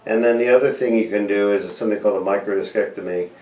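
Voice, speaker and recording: Echoey, low-voiced man explaining. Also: fairly even intonation, quick pace, darkish tone. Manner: explanatory, addresses viewers directly. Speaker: surgeon interviewing his patient. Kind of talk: patient testimonial interview with lay explanations. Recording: distant mic in echoey room.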